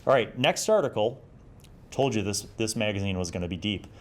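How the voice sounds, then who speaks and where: Speaking on the low side, expressively and fairly quickly, this man in his forties hosts a solo review show about old games. He reflects and explains conversationally while reviewing and reminiscing.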